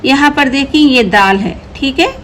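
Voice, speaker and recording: A woman teaching an Urdu reading lesson, repeating each word slowly and patiently explaining how the letters sound. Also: sits high, fairly bright tone, slight background noise, rough recording. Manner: slow drilled repetition of each word.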